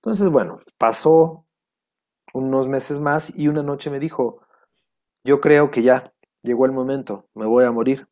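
A man's voice: medium pitch, unhurried, mellow. A man telling a heartfelt personal story in an interview, reflective and quoting past conversations. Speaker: guest.

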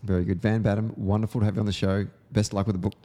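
A man's voice: on the low side, flat delivery, racing, dark tone. A man with an Australian accent hosting a podcast, putting questions and reading show notices. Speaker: podcast host. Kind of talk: podcast hosting, interview and scripted outro.

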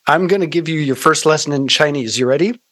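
This American man from Arizona, founder of a missionary organization, is a guest in a conversational interview. He speaks earnestly and articulately, telling stories with touches of preaching. His fairly high, slightly bright voice moves quickly, recorded clean in a studio with no echo.

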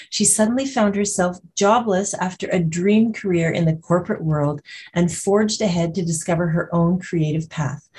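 A woman's voice: lowish voice, a little mellow, slight background noise. A woman hosting a podcast and interviewing a guest in an upbeat, enthusiastic way. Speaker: podcast host.

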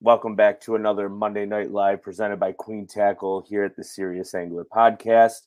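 A hoarse, raspy man whose voice goes in and out, hosting a casual live fishing show. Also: on the low side, level tone, normal speed, a little mellow, no echo. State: hoarse, voice cutting in and out from losing it. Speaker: podcast host.

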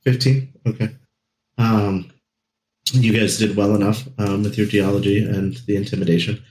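A man narrating as game master in a relaxed way, with frequent ums and uhs. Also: on the low side, moderate pace, echoey room, rough recording.

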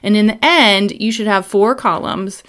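A woman's voice: mid-range voice, moderate pace, a bit bright. A woman in her thirties hosting an instructional solo podcast, talking through advice in an upbeat, orderly, step-by-step way. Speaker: podcast host giving planning advice.

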